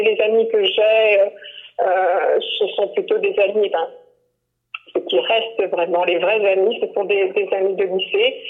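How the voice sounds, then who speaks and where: A woman in her fifties calling in by phone, chatting casually and hesitantly with many fillers and restarts. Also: mid-range voice. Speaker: phone-in guest, teacher. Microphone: telephone. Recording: tinny phone line.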